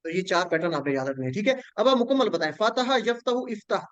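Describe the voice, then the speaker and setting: A man's voice: sits high, lively intonation, quick pace, fairly bright tone, dry recording, dull audio. A man teaching an online class, patiently drilling word patterns with his students.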